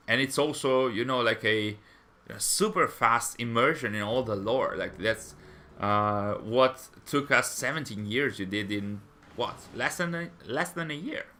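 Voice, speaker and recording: A man with a fairly low pitch and sharp tone hosts a fan channel live stream, reading viewer comments and answering them in a rambling, hesitant, conversational way.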